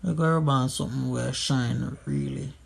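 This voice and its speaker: A man's voice: medium pitch, fairly even intonation, moderate pace, vocal fry, a little hiss or hum. A man with a Jamaican accent giving casual, humorous commentary, using Patois slang and repeating phrases for emphasis. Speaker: friend doing a makeup voice-over.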